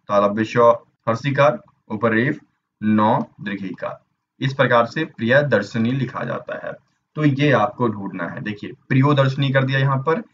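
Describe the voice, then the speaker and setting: A man's voice: mid-range voice, fairly bright tone. A man teaching an exam-prep Hindi lesson, spelling words out letter by letter and asking the viewer for the answers. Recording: slightly dull lo-fi recording with faint ambient noise.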